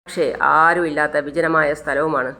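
A storyteller retelling serial episodes in a relaxed, matter-of-fact way, with a middle-pitched voice. The delivery is plain and conversational, like informal spoken narration. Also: normal speed.

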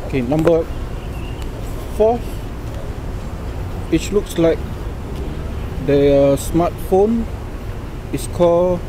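A man's voice: on the high side, expressive, extremely slow, pauses often. Singaporean man demonstrating gadgets, noisy outdoors. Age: middle-aged. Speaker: product demonstrator. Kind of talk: informal product demonstration in Singlish-style English. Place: outdoors by a car park and exhibition centre. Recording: noisy outdoor recording with traffic ambience.

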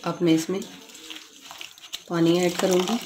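A woman speaks in a low, steady voice as she guides viewers through a home recipe step by step. She explains things calmly and plainly, without hurry. Faint kitchen sounds and sizzling oil sit behind her. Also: measured pace, noisy background. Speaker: cooking channel host. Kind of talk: home cooking instructions.

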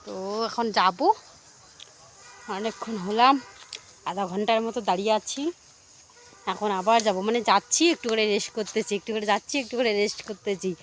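A woman with a slightly hoarse voice, chatting casually to viewers as a vlogging mother and narrating what she is doing. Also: medium pitch, fairly even intonation, a little fast, pauses often, fairly bright tone, slight background noise.

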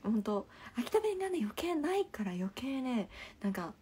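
Young woman, live-stream host. Breathy, husky voice, chatty, with frequent half-whispers. Recorded on a phone. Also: fairly high pitch, big pitch swings, normal speed. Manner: chatty, drifts often into soft half-whispers. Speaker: livestream host. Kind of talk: casual live-stream chat answering comments.

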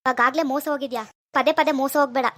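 A woman's voice: high voice, fairly even intonation, very fast, fairly bright tone. A woman voicing a worried, jealous young husband from a village, scolding and muttering to himself. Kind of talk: cartoon voice acting.

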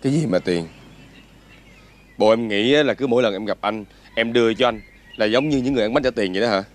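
A man's voice: mid-range voice, fast talker, lightly acted. An actor playing a young man speaking earnestly and reproachfully to his lover.

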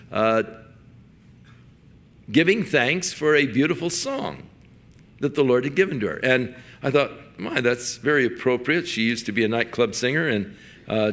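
A man's voice: medium pitch, fairly bright tone. An older man, a pastor, preaching a sermon in a folksy storytelling way, chuckling now and then and restarting his sentences.

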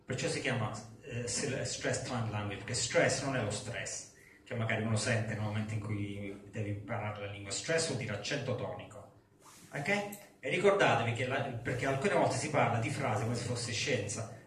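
A male English teacher lecturing a class, who explains patiently and drills phrases slowly and emphatically in English. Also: on the low side, a bit bright, distant mic, a little hiss or hum. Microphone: far recorder in the room. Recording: echoey classroom taped from afar.

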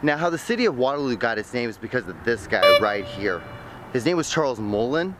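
A man's voice: mid-range voice, very animated, brisk, low-quality recording. A young man from the Midwest vlogging to a handheld camera on city streets, rambling with jokey, self-deprecating asides. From American Midwest. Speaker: travel vlogger. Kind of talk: casual vlog narration to camera. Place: outdoors on city streets by a river. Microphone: handheld camera at arm's length.

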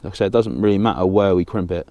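The audio is lo-fi with background noise, and the man's low voice races along. He's an Englishman in his thirties with a southern accent who hosts a fishing channel, giving a step-by-step rig tutorial with his hands busy, plainly and practically, in a small indoor studio with a banner backdrop.

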